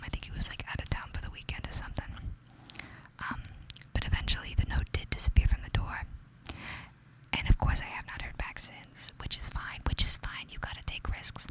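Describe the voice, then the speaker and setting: A young woman with a New York accent telling a gossipy, casual ASMR story in a whisper, confiding and chatty, often saying "like". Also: poor audio. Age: young adult. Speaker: ASMR creator.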